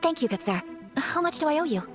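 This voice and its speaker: An actress playing a gracious young noblewoman swordfighter in a video game, formal and precise, gentle but firm. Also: high-pitched, big pitch swings, fast. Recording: music behind the voice.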